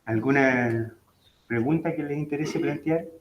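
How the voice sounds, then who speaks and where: A man moderating an online colloquium, relaxed and hesitant with fillers. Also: medium pitch, measured pace, lo-fi sound. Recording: echoey room with faint noise.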